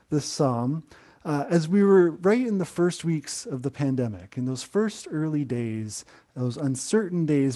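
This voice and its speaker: A middle-aged man gives a sermon in a warm, relaxed tone that sits a little above the usual male pitch. He preaches conversationally, gently, and often restarts his phrases as he goes. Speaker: pastor. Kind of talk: sermon to an online congregation.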